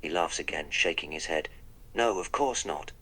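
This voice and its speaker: The Doctor, husky deep-voiced time traveller voiced by a man. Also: moderate pace, sharp tone, low-quality recording. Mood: wry. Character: the Doctor, eccentric male time traveller, wry and polite. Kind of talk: text-to-speech role-play with narrated actions.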